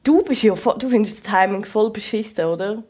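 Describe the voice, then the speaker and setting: A woman's voice: medium pitch, brisk, darkish tone, slightly rough. A woman with a Swiss German accent co-hosting a podcast, playful and joking as she acts out little scenes. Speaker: podcast co-host. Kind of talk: casual chat.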